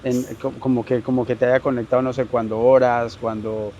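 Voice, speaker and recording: A man hosting a podcast interview, warm and encouraging, asking long, rambling questions. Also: medium pitch, level tone, fairly quick, dull audio, a little hiss or hum. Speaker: podcast host.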